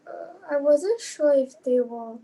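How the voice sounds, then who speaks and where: A woman's voice: high voice, expressive, a little slow, mellow. A woman on a video call giving hesitant, polite short answers, her voice played through a speaker and picked up again from a distance. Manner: hesitant, brief, polite replies. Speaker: course participant on a video call.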